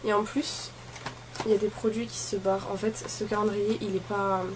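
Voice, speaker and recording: A woman's voice: mid-range voice, little pitch movement, normal speed. Casual, rambling woman vlogger with noisy background. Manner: informal, rambling, thinking aloud. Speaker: beauty vlogger. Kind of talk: casual chat while opening advent calendars. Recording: clearly noisy, ambient background noise.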